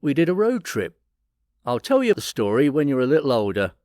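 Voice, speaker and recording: A man's voice: mid-range voice, very animated, a little fast, darkish tone, no room sound, clean studio sound, voice pushed up, lightly acted. A man voicing a cheerful, teasing uncle in a storybook reading. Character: jolly joking uncle.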